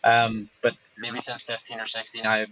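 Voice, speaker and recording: A man's voice: lowish voice, completely flat delivery, moderate pace, bright, forceful tone, highs cut off. A man hosting a podcast, chatting in a friendly, conversational way with frequent "um"s. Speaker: podcast host. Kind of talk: casual interview chat.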